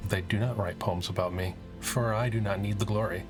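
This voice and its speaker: A man voicing a calm, aloof woman seer of an inner circle who lectures in a measured way. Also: lowish voice, close to an everyday voice. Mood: serene. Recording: music playing behind.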